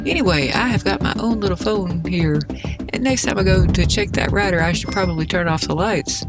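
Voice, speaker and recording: A gaming video host with a creaky, mid-range voice offers casual, rambling gameplay commentary. He mutters and thinks aloud, poking fun at himself as he goes.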